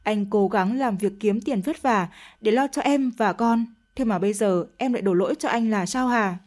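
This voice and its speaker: A woman's voice: medium pitch, normal speed, a little mellow, natural voice. A woman voicing a heartbroken older husband who pleads with his wife in a read-aloud story. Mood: pleading. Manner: pleading, reproachful. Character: middle-aged man, heartbroken old husband pleading.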